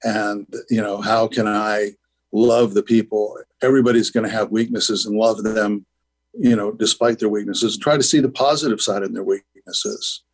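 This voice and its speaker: A man's voice: fairly low pitch, steady tone, moderate pace, rough recording. An older man, a school founder, speaking as a guest on a radio interview in an earnest, rambling way with many fillers.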